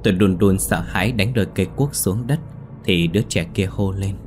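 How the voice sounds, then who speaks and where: Deep-voiced man telling a ghost story. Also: brisk, slight background noise. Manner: steady first-person storytelling. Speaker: narrator.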